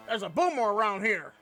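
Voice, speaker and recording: Woman live-streamer, casual game chat; giggly, rambling, foul-mouthed, lively up-and-down delivery. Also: mid-range voice. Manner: giggly, swears freely, rambling.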